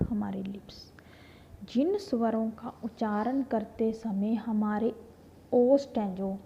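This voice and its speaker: A woman teaching a Hindi grammar lesson, slowly sounding out vowels and talking to her students as children. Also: a little high, slight background noise. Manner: slow, drawn-out demonstration of vowel sounds, addresses students as children. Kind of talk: classroom lesson. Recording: dull lo-fi recording.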